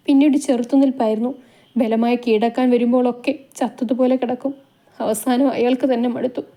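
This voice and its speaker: A woman narrator puts on a broken young wife in a storybook reading, her voice pitched up high and pushed louder than the narration. She trembles and pleads through every sentence.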